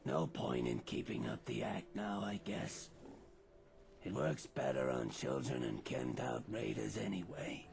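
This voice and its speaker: An actor playing a theatrical ghoul man in a video game, with a raspy voice and a grandiose way of talking. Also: sits low, big pitch swings, measured pace, full character voice. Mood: resigned, wistful. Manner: grandiose and theatrical, dropping into weary plain talk. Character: theatrical ghoul man posing as pompous alien interloper-hunter. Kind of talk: video game character dialogue.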